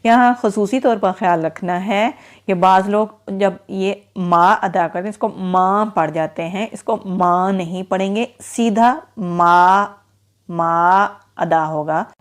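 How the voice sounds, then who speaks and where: Woman, recitation teacher, step-by-step lesson, steady explaining, slow drawn-out chanting. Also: medium pitch. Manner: explains rules slowly and then chants the verse drawn out.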